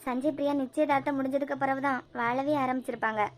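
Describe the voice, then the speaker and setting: A woman plays a sensible middle-aged mother in a cartoon, with a Kanyakumari Tamil accent. Her voice is fairly high and brisk. She sounds matter-of-fact and soothing. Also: steady tone, natural voice. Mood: confiding. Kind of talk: cartoon web series voicing.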